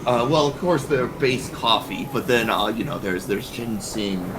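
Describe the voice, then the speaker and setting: A man's voice: mid-range voice, unhurried, noisy background, close to an everyday voice. A man playing a stammering sleepless bird-man. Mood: insistent. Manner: stammering, overeager, defensive. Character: sleepless jittery bird-man who drinks energy tonic.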